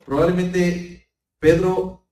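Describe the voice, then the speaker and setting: A man's voice: high-pitched, little pitch movement, takes it slowly, dark tone, a little hiss or hum. A man preaching a fervent sermon, often repeating words and calling the congregation brethren. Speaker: pastor. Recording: roomy sound, voice far from the mic.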